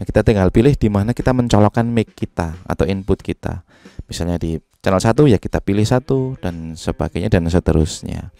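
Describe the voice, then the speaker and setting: A man giving a relaxed, step-by-step music software tutorial from a home studio mic. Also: on the low side, vocal fry, dry recording. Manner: relaxed, step-by-step explaining with fillers. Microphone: studio microphone into a sound card.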